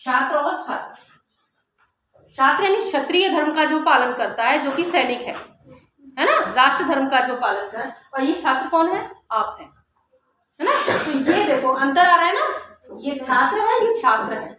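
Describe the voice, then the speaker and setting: A woman teacher giving a classroom grammar lesson, explaining step by step and slowly sounding out letters to demonstrate. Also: high-pitched, expressive, sharp tone. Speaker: Hindi teacher. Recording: very echoey classroom with faint noise.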